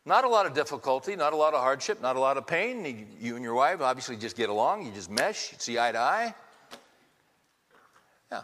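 This fifty-something pastor speaks fairly quickly in a sing-song, medium-pitched voice with a fairly bright tone, preaching conversationally and peppering the congregation with rhetorical questions. Long reverb from the big church hall surrounds him.

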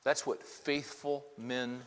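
This time the fifty-something pastor's delivery is flat and slow, his medium-pitched voice a bit bright, clear and resonant. He still preaches conversationally, posing many rhetorical questions to the congregation, and the big church hall adds a long reverb.

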